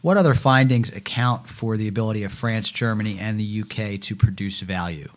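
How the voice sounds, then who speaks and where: A man with a fairly low voice hosting a podcast interview. He briefly sums up what the guest said, then asks a follow-up question, pausing on "um" along the way.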